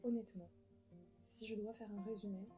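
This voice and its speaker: A woman's voice: mid-range voice, steady tone, normal speed, mellow, faint music behind, rough recording. A young woman chatting casually about books she plans to read, rambling and joking at herself, with many fillers and restarts. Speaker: book vlogger. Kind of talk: casual chat.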